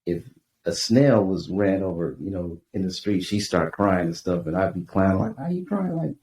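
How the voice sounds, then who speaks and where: A man from Tucson, Arizona, a guest author, talking in a relaxed, reflective way on a podcast. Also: low-pitched, moderate pace. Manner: reflective, easygoing, uses "you know" a lot. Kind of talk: casual podcast interview. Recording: echoey room with faint background noise.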